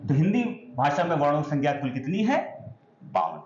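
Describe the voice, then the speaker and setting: A man teaching an exam-prep grammar lesson, patiently spelling out sounds and often asking if it is clear. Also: fairly high pitch, wildly swooping pitch, fairly quick, darkish tone, slight background noise. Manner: explains patiently, drawing out sounds and checking understanding. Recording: echoey room, dull lo-fi sound.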